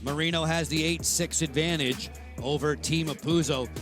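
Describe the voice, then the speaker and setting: Play-by-play man, slightly high voice, steady broadcast read over background music. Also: normal speed, poor audio. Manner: steady, informative broadcast delivery. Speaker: play-by-play commentator. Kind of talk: live sports commentary.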